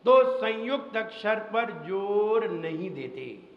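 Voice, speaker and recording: A Jain monk teaching Sanskrit recitation in a classroom lesson. He speaks slowly, repeats each rule several times and quizzes his listeners, with chanted verses in between. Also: sits high, very animated. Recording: dull, echoey hall recording.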